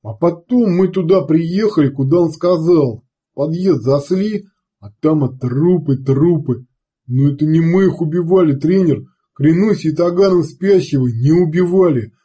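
A man voicing a crude, excitable male redcap savage who talks loud and whiny in an audiobook. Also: on the high side, husky, voice pushed up. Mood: pleading excited. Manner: loud, hurried, whiny boasting.

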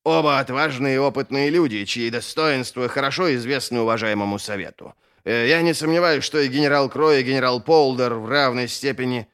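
A man voicing a cautious, halting old military lord in an audiobook. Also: medium pitch, fairly bright tone, smooth, close to an everyday voice. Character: old soldier lord-marshal, hesitant and cautious.

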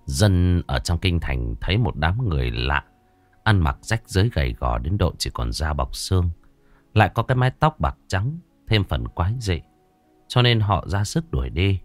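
Deep-voiced male ghost story narrator. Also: very animated, moderate pace, no room sound, faint music behind.

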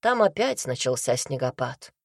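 A woman reading an audiobook gives a calm, gentle husband a soft, quiet voice that turns to low mumbling when he is cornered. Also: normal speed, gravelly, no room sound, studio quality, full character voice.

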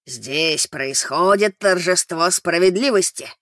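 A man voicing a drunk, overexcited former restaurateur in an audiobook, loud and exclamatory. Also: high voice, takes it slowly, no room sound, clean studio sound, exaggerated voice. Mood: drunk elation. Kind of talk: audiobook character reading.

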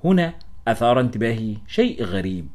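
A male audiobook narrator telling a first-person adventure story. He reads briskly at a middling pitch. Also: very animated, darkish tone. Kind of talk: scripted narration.

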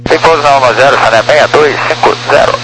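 A man's voice: mid-range voice, brisk. A man talking as a pilot over the radio, giving terse, clipped readbacks in aviation phraseology. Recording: noisy air-band radio.

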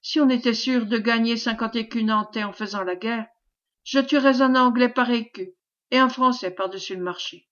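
A woman's voice: a little high, normal speed, fairly bright tone, lo-fi sound, lightly acted. A woman voicing a timid young peasant boy who trembles yet turns eager. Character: timid young peasant lad, fearful but greedy.

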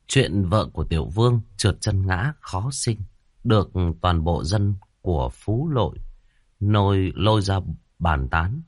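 Lively low-voiced male storyteller. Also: dry recording, clean studio sound. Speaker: narrator. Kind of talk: audiobook narration.

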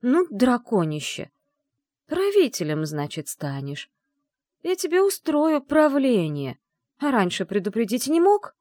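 A woman's voice: on the low side, big pitch swings, a little fast, warm tone, no echo, studio quality. A woman voicing a feisty young bride from another world, whiny and exclaiming. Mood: annoyed.

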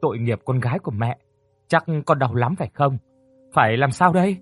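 A man's voice: mid-range voice, expressive, fairly quick, husky, faint music behind. A man voicing a worried middle-aged mother who fusses and pleads over her injured daughter. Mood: anxious. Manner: anxious, fussing, pleading.

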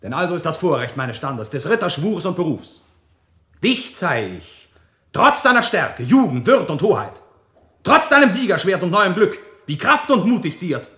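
A man's voice: high-pitched, very animated, normal speed, sharp tone, exaggerated voice. A man playing a solemn, righteous knight making an accusation in a classic theatrical radio play. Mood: accusing, fierce. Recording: roomy echo on the voice.

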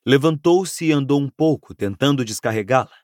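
Expressive Brazilian male audiobook narrator. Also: medium pitch, moderate pace, no echo, clean studio sound. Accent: Brazilian Portuguese. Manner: expressive, dramatic reading. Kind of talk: scripted narration.

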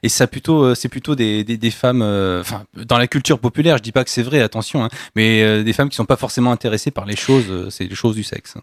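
A man's voice: medium pitch, fast talker, few pauses, no room sound, clean studio sound. A man from France hosting a casual radio chat show, talking in a chatty, hesitant way with joking asides. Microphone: studio microphone.

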